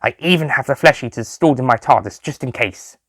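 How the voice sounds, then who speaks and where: A man's voice: medium pitch, fairly quick, a bit bright, no echo, studio quality. A man voicing a smug, scheming alien villain with a volatile temper, gloating theatrically in a sci-fi audio story.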